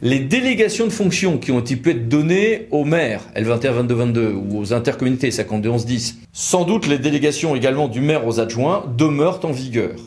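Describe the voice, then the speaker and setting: Talking a little fast with hardly any pauses, a French-accented man presents a law firm's videos in an informal, instructive way. He asks and answers his own questions colloquially, his medium-pitched voice expressive and a little mellow.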